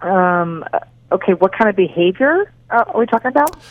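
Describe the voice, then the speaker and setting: A woman's voice: mid-range voice, sing-song, normal speed, dry recording. A woman answering a phone call, speaking hesitantly over slightly dull phone audio. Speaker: call recipient.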